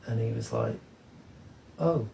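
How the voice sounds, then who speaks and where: Gravelly-voiced man chatting in an echoey room. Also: mid-range voice, moderate pace. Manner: relaxed, rambling, tag questions like "isn't it". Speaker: guest artist. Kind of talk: casual interview chat. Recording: echoey room with faint ambient noise.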